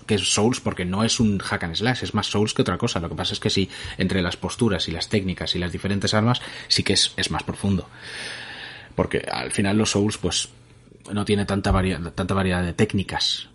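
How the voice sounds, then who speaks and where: A man's voice: lowish voice, slightly rough. A man from co-hosting a podcast, chatting casually and hesitantly, restarting his sentences as he thinks aloud. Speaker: podcast co-host. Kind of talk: casual chat about video games.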